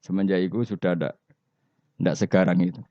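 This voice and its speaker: A man's voice: sits low, brisk, dry recording. A man with a Javanese accent giving a sermon, telling stories and putting questions to the audience. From Indonesia. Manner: lively storyteller, mixing Javanese and Indonesian, asking the audience questions. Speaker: Islamic preacher. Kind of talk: sermon storytelling. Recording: dull, muffled dry recording.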